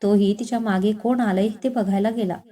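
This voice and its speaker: A woman storyteller reading a romantic story in steady, expressive storybook narration. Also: medium pitch, a little fast.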